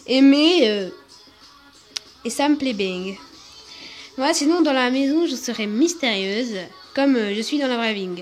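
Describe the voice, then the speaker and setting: A woman voicing a loud, tomboyish young woman with a put-on Marseille accent, rambling and boastful, in a toy video role-play. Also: high voice, lively intonation, a little slow, pauses often, soft background music.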